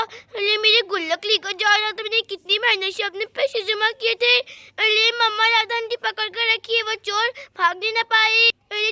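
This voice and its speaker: A woman's voice: very high-pitched, sharp tone, no echo, exaggerated voice. A woman voicing a frightened, indignant young girl in a doll story, crying out for help. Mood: upset. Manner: cries out, calls for help. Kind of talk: doll story role-play.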